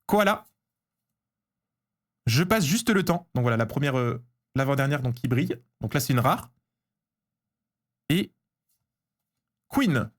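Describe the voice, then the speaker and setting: Male streamer, casual and excitable, very lively pitch, chats with viewers while opening packs. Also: takes it slowly, pauses often. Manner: chatty, excitable, reads and answers chat. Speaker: streamer opening trading cards. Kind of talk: casual live-stream chat.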